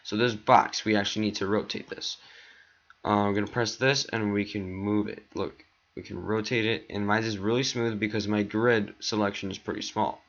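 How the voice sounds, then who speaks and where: Steady and moderately paced, a man with a low-side, fairly bright voice walks viewers through a casual screen-recorded tutorial. His voice cracks here and there as he rambles, ums frequently, and clicks through steps, recorded through a dull lo-fi mic.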